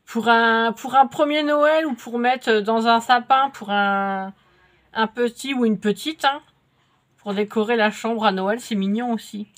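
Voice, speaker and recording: Slow-talking woman with a stuffy nose. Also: a little high. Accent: French. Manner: chatty, many fillers and restarts. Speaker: crafts vlogger. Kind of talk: casual product unboxing.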